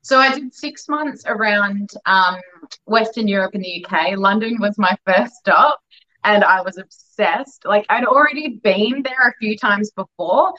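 A woman's voice: medium pitch, measured pace, bright, forceful tone, muffled recording. A woman talking casually as an interview guest. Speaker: interview guest, fashion stylist.

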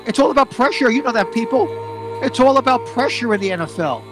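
A man's voice: very high-pitched, animated, fast talker, over music. A man with a Brooklyn accent bantering as a sports talk host, speaking in emphatic, short, punchy phrases. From New York, USA.

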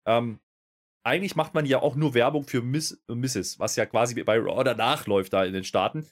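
A man's voice: medium pitch, fairly quick. Dry-joking man co-host. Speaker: podcast co-host. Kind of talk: casual wrestling recap chat.

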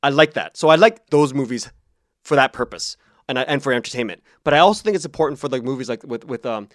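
Quick-paced and lively in intonation, this medium-pitched, fairly bright male voice belongs to a podcast creator and writer appearing as an interview guest. He shares personal stories in a casual, conversational way, acting out quotes as he goes, recorded studio-clean with no echo.

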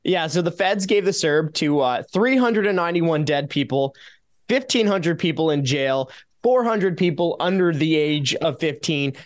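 A Canadian man, a taxpayer advocate guest on a casual radio interview, talking in an animated, sarcastic way as he lists figures. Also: a little high.

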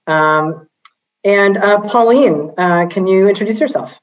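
A woman moderating a panel, speaking gently and haltingly with many "um"s. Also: medium pitch. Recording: slightly dull video-call audio.

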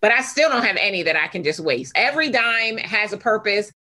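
Woman, mid-pitched, emphatic motivational talker, casual chat. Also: expressive, fairly quick, sharp tone. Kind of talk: casual conversation about business.

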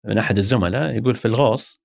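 A man with a Saudi accent, formerly a marketing executive, speaks very fast in a fairly low, creaky voice. As an interview guest in a reflective conversation, he thoughtfully unpacks his ideas with everyday examples. The recording is dry, with clean studio sound.

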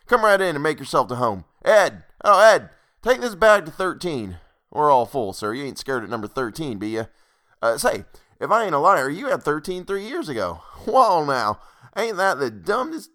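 A man's voice: on the high side, very animated, normal speed, a bit bright, pitched above the performer's own voice. A man voicing a shrewd, talkative old country innkeeper with a rural American drawl. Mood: jovial. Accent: rural American dialect. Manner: folksy, talkative, nosy. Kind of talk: audiobook character voice.

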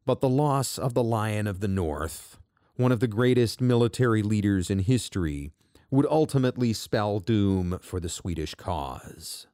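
A man with a lowish voice narrates history from a script, sounding dry and close with no room around him. He reads long quoted passages aloud and builds energy as he goes. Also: animated, a little slow, dark tone, dry recording.

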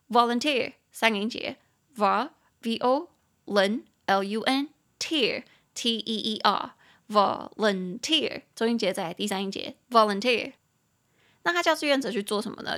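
A young woman hosting a casual language lesson podcast, chatting freely and slowing down to say example sentences carefully. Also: a little high, a bit bright. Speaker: English teacher podcast host.

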